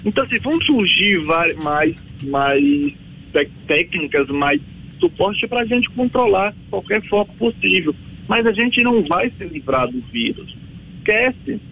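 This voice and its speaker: A man from the backlands of Bahia with a Bahian Brazilian accent and a husky voice, explaining as an expert guest in an informal, emphatic way. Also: high-pitched, sing-song, unhurried, narrow, tinny audio. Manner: emphatic, colloquial, checks listener understands. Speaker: vaccine researcher, interview guest.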